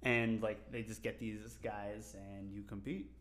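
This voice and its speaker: A man's voice: lowish voice, flat delivery, a little slow, a bit bright. A man co-hosting a casual podcast, rambling and joking with frequent laughs. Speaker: podcast co-host. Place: local to Las Vegas.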